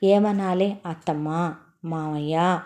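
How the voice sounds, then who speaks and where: A woman voicing a sulky young husband who mutters in a low, quiet, grudging way. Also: steady tone, slow. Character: sulky young husband, grumbling under his breath.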